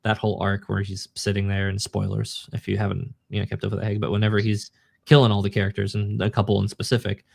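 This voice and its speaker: A man's voice: lowish voice, completely flat delivery, quick pace, vocal fry, darkish tone, no room sound. A man co-hosting a podcast, chatting casually and enthusiastically about manga and acting out characters' lines. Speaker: podcast co-host.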